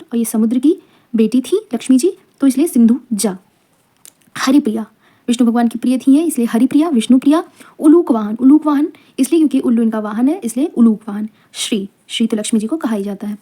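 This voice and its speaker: A woman runs through long lists of words for exam revision, a bit high in pitch with a dark, mellow tone. She reads each word in a steady rhythm and breaks in now and then with a quick aside to point out a trap. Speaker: teacher. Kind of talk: exam-prep lesson reading out word lists.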